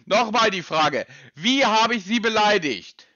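A man's voice: high voice, lively intonation, measured pace, bright, forceful tone, no room sound. A man on a phone call, questioning a sales agent insistently and with sarcasm. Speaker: person being called by a sales agent.

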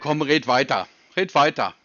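High, lively mocking man on the phone. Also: moderate pace, soft background music. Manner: mocking, blunt, interrupting. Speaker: caller confronting a scammer. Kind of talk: confrontational phone call. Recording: muffled lo-fi phone audio.

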